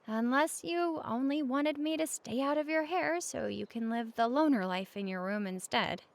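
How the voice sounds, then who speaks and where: In a comfort audio roleplay, a woman plays a caring roommate who teases, talking casually and candidly. Her voice is high and creaky, at regular volume and normal speed.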